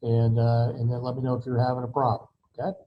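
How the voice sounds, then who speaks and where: A man, an adjunct professor, giving a recorded online lecture and filling his pauses with "okay" and "uh". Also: mid-range voice, completely flat delivery. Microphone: video call mic. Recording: dull lo-fi video call audio with faint noise.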